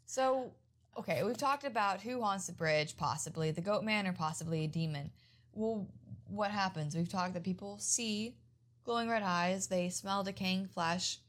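A woman co-host casually recounting what she has read, in a relaxed way and laughing easily. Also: medium pitch, normal speed. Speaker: podcast co-host presenting the research. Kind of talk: casual conversational storytelling.

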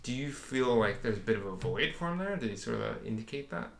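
A man's voice: medium pitch, lively intonation, a little fast, creaky, fairly bright tone. A man co-hosting a podcast, agreeing readily and asking questions in a casual chat. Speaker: podcast co-host. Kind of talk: casual discussion. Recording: echoey room.

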